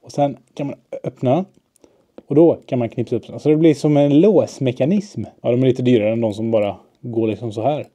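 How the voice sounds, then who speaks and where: A man's voice: medium pitch, warm tone. A young man in a casual solo vlog, rambling and mixing in English phrases, filmed on a handheld camera indoors. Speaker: vlogger. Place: basement and workplace, indoors.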